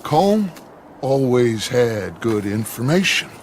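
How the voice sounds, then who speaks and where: An actor playing a commanding, driven middle-aged outlaw gang leader, forceful and urgent in the way he gives orders. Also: medium pitch, sing-song, takes it slowly, slight background noise. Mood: insistent. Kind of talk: dramatic game acting.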